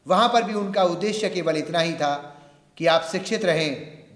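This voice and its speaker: Man, high voice, earnest lecture speech, rhetorical repetition, long hall reverb. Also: moderate pace, fairly bright tone. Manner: mixes in English phrases. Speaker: speaker at a university lecture. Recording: echoey hall.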